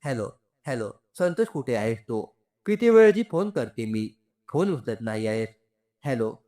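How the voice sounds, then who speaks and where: A man's voice: medium pitch, sing-song, measured pace, dark tone. A man voicing a remorseful young woman who pleads and apologizes through tears in a storybook narration. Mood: anxious. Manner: tearful, apologetic, begging.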